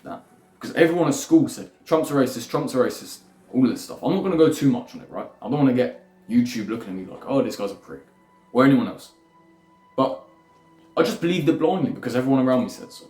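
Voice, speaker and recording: In an echoey room with faint music playing, a young man rambles through a self-improvement monologue in a darkish, medium-pitched voice. He lectures bluntly and curses without restraint.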